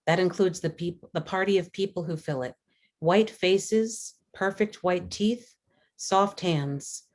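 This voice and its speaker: Her deep-set voice carries the scene headings and action lines as she narrates the screenplay, acting as the table read's stage-directions reader.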